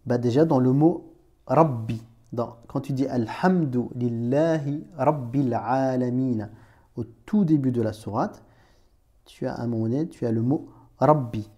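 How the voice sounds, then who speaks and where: Guy teaching arabic letters, mellow voice, talks to you like a buddy. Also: mid-range voice, moderate pace, breathy edge, lo-fi sound. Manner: chatty, addresses the learner as "tu", many restarts. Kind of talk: informal screen-recorded lesson.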